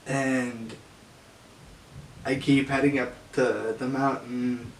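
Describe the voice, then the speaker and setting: Slow-talking young man, echoey and distant. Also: mid-range voice, level tone. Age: young adult. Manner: laughs often, profane, loose retelling. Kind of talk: casual storytelling interview. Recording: echoey room, mic far off, faint hiss.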